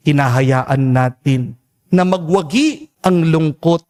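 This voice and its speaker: A man's voice: fairly high pitch, slow pace, darkish tone. A man, a priest delivering a sermon and calling on the congregation for responses.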